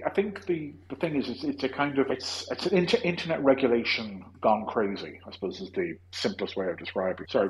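A man's voice: mid-range voice, muffled recording, slight background noise. An Irish man hosting a casual podcast discussion, opinionated and rambling, restarting his sentences often. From Ireland. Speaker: podcast host.

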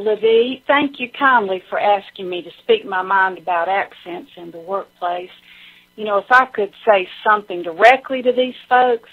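A woman with a Southern US drawl speaks in a pleasant, calming, down-home way. Her voice is a little husky. It comes through a thin, tinny phone line. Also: mid-range voice. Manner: folksy, down-home phrasing. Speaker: interview guest. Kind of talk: folksy phone commentary. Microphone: telephone.

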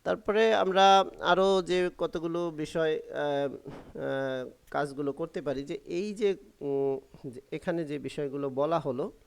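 A man with a Bangladeshi Bengali accent, a teacher trainer explaining a lesson in a halting way, with many fillers, spelling out example words slowly. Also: a little high, creaky.

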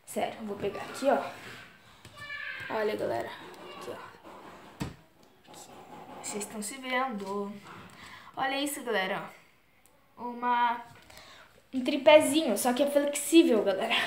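A woman's voice: a little high, darkish tone, distant mic. A young woman vlogging at home, reading out messages and exclaiming often in casual, chatty talk. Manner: chatty, exclaims a lot, keeps saying "galera". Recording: very echoey room, voice off-mic, faint noise.

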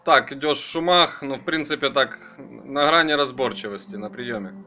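Testing his antenna, a ham radio amateur keeps the chat relaxed, mixing friendly slang with terse on-air phrasing. His mid-range voice is bright and forceful, delivered at a moderate pace.

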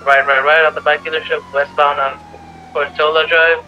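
Bright man calling a chase over walkie talkie. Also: a little high, flat delivery, lo-fi sound, a little hiss or hum. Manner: rapid clipped turn-by-turn directions. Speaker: police officer in roleplay. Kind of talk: police radio calls during a car chase.

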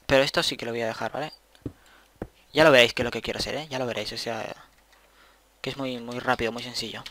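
A man's voice: medium pitch, fairly even intonation, fast, a bit bright. A young man, rambling casually to himself while commenting on his gameplay and swearing at the game now and then. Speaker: gaming channel host.

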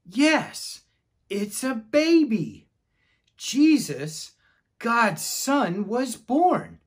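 A man telling a Bible story to children in an animated, sing-song voice that rises and falls widely. His tone is slightly husky, his pace unhurried, and he keeps inviting the kids to shout and knock along with him. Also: extremely high pitch. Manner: enthusiastic, calls for the audience to join in. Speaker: children's ministry leader.

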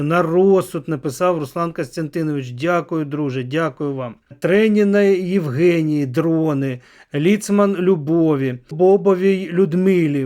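Slow-spoken man hosting a political vlog. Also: on the high side, darkish tone. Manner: slow, drawn-out delivery, dropping to a near whisper. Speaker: channel host. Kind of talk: political vlog commentary and donor thanks.

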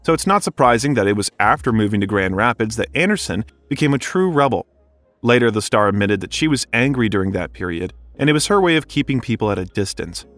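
A man narrating a scripted biography documentary, reading smoothly with a steady, even delivery. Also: lowish voice, fast, no echo.

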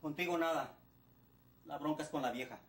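A man's voice: on the high side, normal speed, lightly acted. A middle-aged man with a Mexican Spanish accent playing a ruthless, foul-mouthed kidnapper boss who barks orders and threats. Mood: menacing. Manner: barking orders, insulting and threatening. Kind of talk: low-budget film acting. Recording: echoey room with music underneath.

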